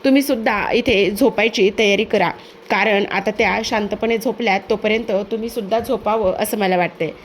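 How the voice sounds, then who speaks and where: A woman reading the lines of a polite young man in a TV serial recap, calmly reasoning with others. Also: medium pitch, moderate pace, a little hiss or hum, natural voice. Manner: calm, reasoning. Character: polite, calm young man protecting a patient.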